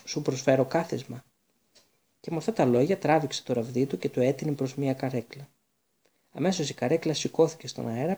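A man reads a story aloud in a calm, measured voice. His tone is dark and mellow, with a gravelly edge. The delivery stays even and steady throughout. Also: medium pitch. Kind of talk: audiobook narration.

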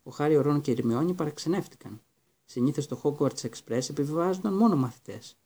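A man narrating an audiobook in a steady, even storytelling manner. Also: fairly high pitch, slightly rough.

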